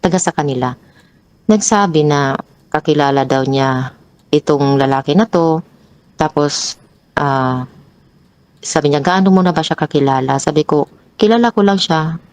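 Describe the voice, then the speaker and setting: A woman with a slightly low voice tells a painful personal story, hesitating and restarting her sentences. Her pitch climbs sharply whenever she relives the argument. The recording is dry and close. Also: a little mellow, dry recording, low-quality recording. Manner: hesitant, halting with many restarts. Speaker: guest sharing a personal story.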